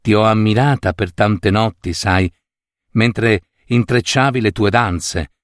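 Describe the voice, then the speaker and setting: A man voicing a gentle young prince of the stars in a storybook, speaking softly and low. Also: takes it slowly, no echo, studio quality. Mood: tender. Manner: gentle, lowered voice.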